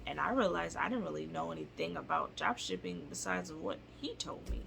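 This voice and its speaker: A woman's voice: sits low, lively intonation, brisk, creaky, a bit bright, slight background noise. A woman in her twenties telling an indignant storytime in a vlog, with music underneath. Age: 20s. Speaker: vlogger.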